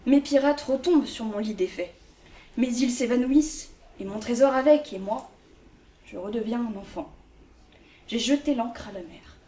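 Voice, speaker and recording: A woman's voice: fairly high pitch, normal speed, dark tone, distant mic. A woman performing a spoken-word poem in a lyrical, rhythmic storytelling recitation. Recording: echoey room.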